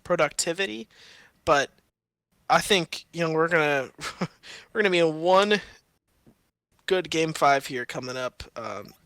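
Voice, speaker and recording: Bright-voiced young male color caster. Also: on the high side, dry recording. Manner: analytical, filler-heavy, laughs easily. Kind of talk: esports color commentary.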